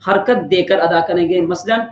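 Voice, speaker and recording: A tajweed teacher giving a Quran pronunciation lesson, patiently explaining and stretching out each letter sound to demonstrate it. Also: medium pitch. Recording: roomy, slightly dull lo-fi recording.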